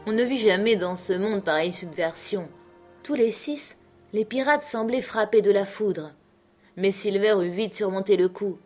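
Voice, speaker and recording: A woman narrating a classic adventure novel aloud in a measured, expressive storytelling voice. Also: medium pitch, faint music behind. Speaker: audiobook narrator.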